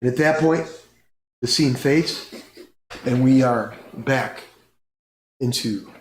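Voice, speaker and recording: Game master, male, slow measured narration in a roomy space with faint hiss. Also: mid-range voice. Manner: slow, unhurried storytelling with fillers.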